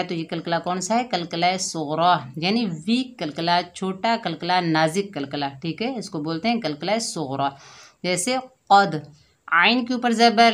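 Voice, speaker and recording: A woman teaching Quran recitation rules step by step, explaining slowly and drawing out chanted examples. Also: fairly low pitch, a bit bright. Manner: slow, deliberate explaining, with drawn-out chanted examples; often checks in with "theek hai". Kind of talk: step-by-step tajweed lesson.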